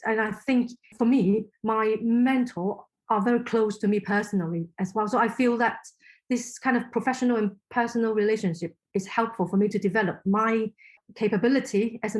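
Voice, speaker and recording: A woman's voice: mid-range voice, poor audio. A woman from Hong Kong whose first language is Chinese, a podcast guest talking thoughtfully with frequent fillers and restarts. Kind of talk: casual interview talk.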